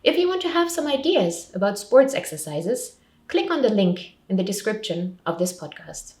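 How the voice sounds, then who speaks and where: Speaking at a moderate pace, this woman has a medium-pitched, sing-song voice with a darkish tone. In a scripted public information talk, she plays a support counsellor offering simple step-by-step guidance in short, clearly structured sentences. A distant microphone picks her up with roomy echo.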